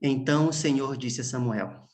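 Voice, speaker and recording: A man, a pastor preaching a sermon as emotional storytelling, with long pauses and hushed moments. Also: medium pitch.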